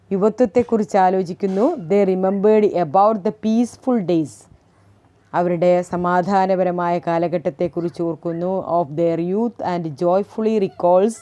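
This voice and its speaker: A woman teacher with a Malayali accent talks through a poem in a lesson. She reads each line slowly and then explains it, asking questions and answering them herself. Her voice is low, mellow and unhurried. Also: lo-fi sound.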